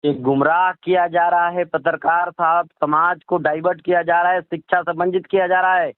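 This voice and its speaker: Heard through a muffled, low-fidelity phone call with no room sound, an Indian activist in a political interview speaks at a moderate pace in a high-sitting, level tone. He is indignant, repeating his points and throwing out rhetorical questions.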